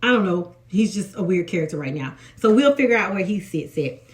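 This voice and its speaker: A woman's voice: mid-range voice, a little fast. A woman from Mississippi with a Southern accent, chatting casually through a TV episode recap and often restarting her sentences. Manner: chatty, animated, restarts a lot. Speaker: TV recap vlogger.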